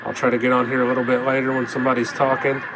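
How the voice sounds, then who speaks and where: In a rough recording with loud music behind him, a vlogger fighting off a cold shows a radio he fixed. His medium-pitched voice is completely flat and rapid-fire, his manner plain-spoken, rambling and folksy, with clear background noise throughout.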